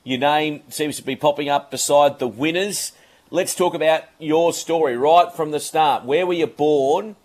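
Radio host asking long questions. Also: male voice, fairly high pitch, unhurried. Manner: friendly, wordy questions. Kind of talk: radio interview.

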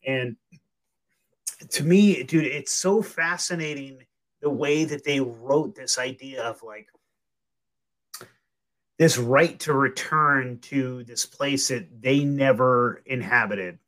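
A man's voice: mid-range voice, slow, pauses often, fairly bright tone, rough recording. A man hosting a podcast, talking in a rambling, laid-back way full of casual fillers. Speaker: podcast host.

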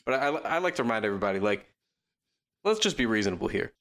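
Male podcast co-host, lowish voice, loose rambling sports talk. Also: very animated, a bit bright. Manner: quick, rambling, lots of fillers and restarts. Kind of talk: casual sports chat.

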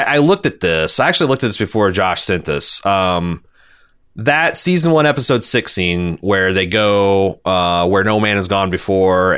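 On a casual discussion podcast, a male host with a fairly low yet fairly bright, clean voice reads out listener feedback. He thinks aloud haltingly, rambling, repeating words and doubling back as he reasons through his opinion.

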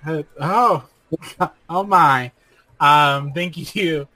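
Male tabletop player, restrained Tennessee accent, forceful bright tone, halting playful improv. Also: on the high side, no echo. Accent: Tennessee, held back. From Tennessee, United States. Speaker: tabletop role-playing player. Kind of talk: casual in-character improv with friends.

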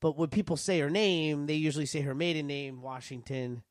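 A man's voice: a little high, fairly even intonation, no echo, clean studio sound. A man hosting a trivia podcast, asking questions and explaining in casual, chatty talk. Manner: chatty, explaining, quick to laugh. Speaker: podcast host, quizmaster.

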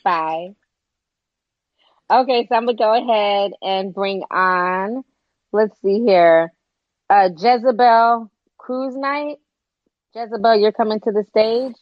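A woman's voice: mid-range voice, slow, pauses often, dry recording. A woman hosting a live call-in show in a casual, polite, conversational way. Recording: slightly dull, lo-fi sound.

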